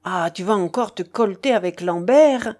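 A woman's voice: medium pitch, normal speed, a little mellow, lightly acted. A woman doing a fussy, apologetic young companion. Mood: fussy explaining. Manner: explanatory, anxious, apologetic.

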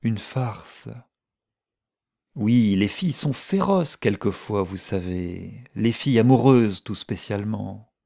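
A proud, cutting middle-aged woman, put on by a man reading the story. Her mocking edge breaks into high, loud flare-ups, and the tone stays warm and low underneath. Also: animated, takes it slowly, gravelly, heavily acted. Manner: sharp, mocking, flaring into outbursts. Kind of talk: audiobook reading.

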